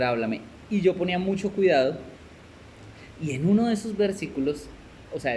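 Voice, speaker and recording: This man's voice is a little high, and there's slight noise behind it. Teaching a discipleship class with a Colombian Spanish accent, he keeps things conversational, frequently asks "¿cierto?" or "¿sí?", laughs occasionally, and acts out little scenes.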